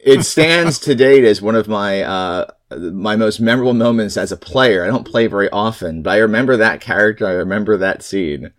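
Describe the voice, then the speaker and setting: A man's voice: lowish voice, normal speed, few pauses. A man hosting a podcast in casual, jokey, rambling chat. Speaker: podcast host.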